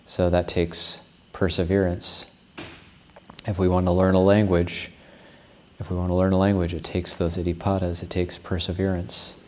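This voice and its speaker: Here a monk with a deep voice gives a Dharma talk, recounting a personal story in a monotone. He's reflective and unhurried, restarting often. A little hiss or hum can be heard in the recording.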